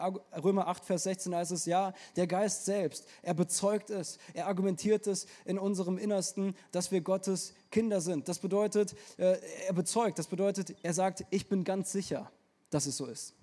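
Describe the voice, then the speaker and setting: Young male preacher with a light, high voice, casual slang, speaks straight to the congregation. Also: normal speed. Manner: casual youthful slang, energetic, addresses the audience directly. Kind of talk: lively sermon.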